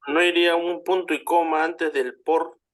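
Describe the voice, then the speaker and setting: A man's voice: on the high side, level tone, normal speed. A man, a student in an online class, asking his teacher questions with hesitant fillers.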